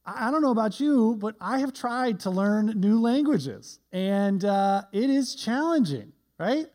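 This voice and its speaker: Male pastor, sermon, conversational, self-deprecating, fairly high pitch. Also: very animated, unhurried, a little mellow. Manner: conversational, often adds "right?".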